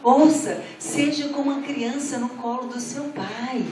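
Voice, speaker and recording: A woman's voice: sits high, steady tone, unhurried, over a noisy crowd. A middle-aged woman pastor, preaching a fervent sermon that rises to emphatic calls to the congregation. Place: church hall. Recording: echoey hall from far off.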